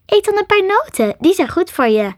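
A firm, bossy young dragon tamer, as a woman reads her out. She speaks in a high, raised voice in this storybook reading. The sound is close and dry. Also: very animated, normal speed, no room sound.

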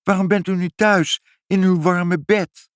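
A man's voice: high-pitched, steady tone, measured pace, clean tone, no echo, clean studio sound, pitched above the performer's own voice. A man voicing a kind, pitying mother in a read-aloud storybook.

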